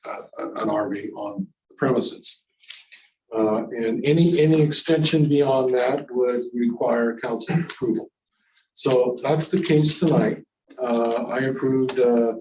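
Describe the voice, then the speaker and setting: A man giving a staff report to a city council, halting and full of filler sounds. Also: medium pitch, mellow, slight background noise. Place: council chamber. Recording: roomy and far from the mic.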